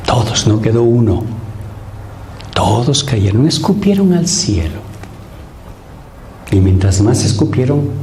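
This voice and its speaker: Speaking in a lowish voice against slight background noise, a priest delivers a Lenten retreat sermon. He poses rhetorical questions to the audience and animatedly performs the voices of those he quotes.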